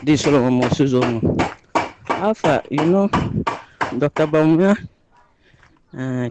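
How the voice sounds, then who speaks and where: A man's voice: medium pitch, dark tone, a little hiss or hum, poor audio. A man giving his political opinion in a phone voice message played on air, insistent and often repeating and restarting his phrases. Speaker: listener sending a voice note.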